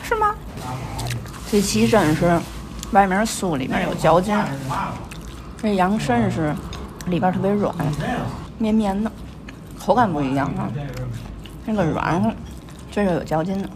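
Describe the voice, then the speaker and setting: A woman's voice: mid-range voice, unhurried, long pauses. A woman with a Tianjin accent chatting casually over a meal as a food vlogger, commenting on each bite. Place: small busy restaurant, indoors. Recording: clattery, noisy small restaurant.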